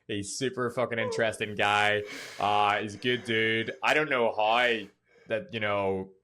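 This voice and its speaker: A man's voice: on the low side, steady tone, measured pace, background noise. A man hosting a podcast, talking loosely with casual swearing and lots of fillers. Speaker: podcast host.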